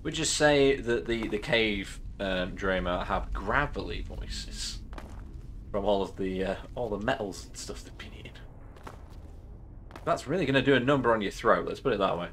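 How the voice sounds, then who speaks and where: A man's voice: fairly low pitch, animated, moderate pace, a bit bright, slight background noise. A man casually commenting while playing a game, chatty and swearing as he thinks aloud. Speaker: streamer.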